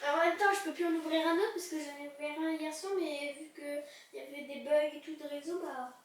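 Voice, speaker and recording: A woman's voice: sits high, fairly even intonation, fast, heavy reverb, distant mic. A playful woman co-hosting a vlog, talking lightly and whispering asides.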